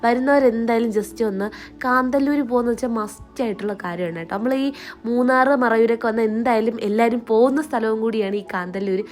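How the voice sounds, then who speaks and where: A woman narrating a casual vlog, chatting in mixed with English words. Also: fairly high pitch. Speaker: family vlogger. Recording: background music under the voice. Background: music.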